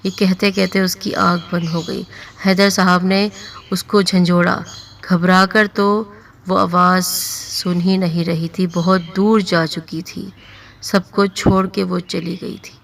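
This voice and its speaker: A woman storyteller narrating an emotional story in a steady, dramatic manner. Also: fairly low pitch, vocal fry, recorded from a distance.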